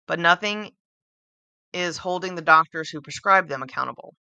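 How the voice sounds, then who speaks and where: A woman's voice: on the low side, normal speed, bright, forceful tone, clean tone, no room sound. A woman hosting a book club, reading a book aloud with casual commentary, stumbling over words and adding dry sarcastic asides.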